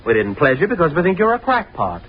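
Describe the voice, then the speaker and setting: A man's voice: fairly high pitch, huge pitch swings, fast. Brash college fraternity man, muffled radio. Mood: scornful. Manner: blunt, slangy, condescending. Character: brash, dismissive young male fraternity student. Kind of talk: 1930s radio drama acting. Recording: dull, noisy 1930s radio recording.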